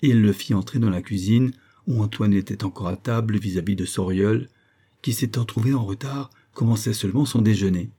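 A man narrating a classic novel as an audiobook, in a measured, expressive reading. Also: on the low side, slightly rough.

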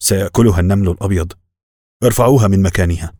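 Skeptical nephew guy, probing and a bit mocking, low and dry, man reading. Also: rapid-fire, warm tone, no room sound. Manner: questioning, mocking.

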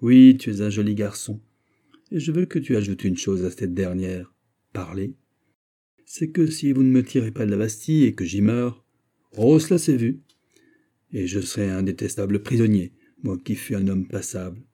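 Guy doing a cocky mocking musketeer, dark mellow lowish voice, audiobook. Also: moderate pace. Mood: bold. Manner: lively, boastful, mocking. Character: bold wry middle-aged male musketeer. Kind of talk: audiobook character voice.

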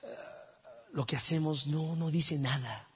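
Husky man preaching with dramatic swings. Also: on the high side, fairly even intonation, unhurried, muffled recording. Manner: dramatic storytelling, swings from loud exclamations to hushed near-whispers. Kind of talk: sermon. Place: church.

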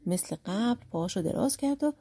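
A woman narrates a folk tale audiobook with lively, dramatic emphasis. Her voice is mellow and warm with a husky, slightly breathy edge. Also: mid-range voice.

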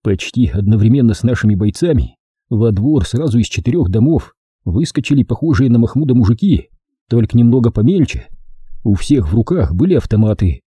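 A man narrates an audiobook in a very dark, warm, husky voice. His pitch rises and falls in an animated way, and the recording is dry and close. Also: a little fast, no echo. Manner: expressive, storytelling delivery. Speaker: audiobook reader. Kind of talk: scripted narration.

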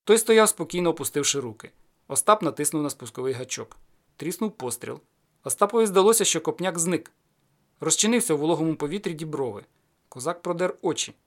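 A man reading an adventure tale aloud in steady storytelling narration. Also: a little fast. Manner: steady storytelling, lowers voice after quotes. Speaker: audiobook narrator. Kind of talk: scripted narration of a folk adventure.

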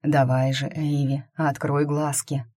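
Soft low-voiced dad, soothing his girl, kind and unhurried, read by a woman. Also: little pitch movement, no echo, studio quality. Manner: gentle, soothing, warm-humored. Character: loving middle-aged father, gentle and tired.

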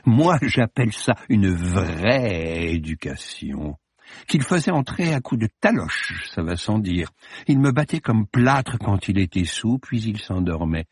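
A man's voice: lowish voice, very animated, unhurried, breathy edge, dry recording, studio quality, heavily acted. A man reading the part of a cynical, scornful male film director who talks in a cold, cutting, mocking way. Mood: icy mocking.

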